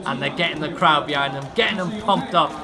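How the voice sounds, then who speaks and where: A man calling wrestling moves in steady play-by-play commentary. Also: fairly high pitch, fast talker, vocal fry, over loud music. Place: wrestling event with live crowd. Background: crowd noise.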